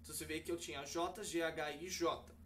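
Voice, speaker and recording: A man talks through a coding lesson step by step, stopping often to correct himself with fillers. His voice sits a little high. The mic is somewhat far from him, with a faint hiss behind. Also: fairly even intonation, a little fast, fairly bright tone. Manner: explains step by step with many fillers and self-corrections. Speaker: programming teacher. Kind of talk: screen-recorded coding lesson.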